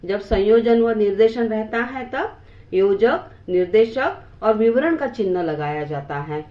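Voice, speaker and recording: A woman teaching a grammar lesson in a slow, measured way, pausing on examples. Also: mid-range voice, expressive, muffled recording.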